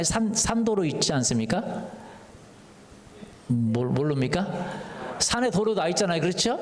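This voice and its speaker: A male pastor with a fairly high voice preaches a Sunday sermon, regularly firing questions at the congregation and slipping into a chatty personal story. His voice rings through a roomy church sanctuary, trailed by a long echo. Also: slight background noise. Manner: tells a personal story conversationally. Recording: echoey church hall reverb.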